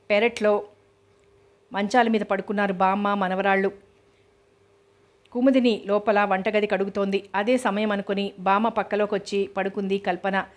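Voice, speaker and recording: A woman reading a novel aloud as narrator, in a steady, even storytelling manner. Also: medium pitch.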